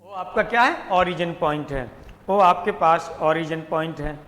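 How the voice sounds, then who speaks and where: A man's voice: on the high side, moderate pace, fairly bright tone, long reverb tail. A man teaching a math lesson. He mixes with English terms, repeats key words and asks questions he answers himself. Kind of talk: classroom lecture.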